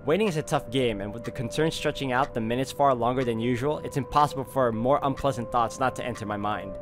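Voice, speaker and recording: This gaming-video host talks fast in a medium-pitched voice, dramatically narrating a visual novel with suspenseful flair. He mixes the read-aloud with player commentary while game music plays behind him.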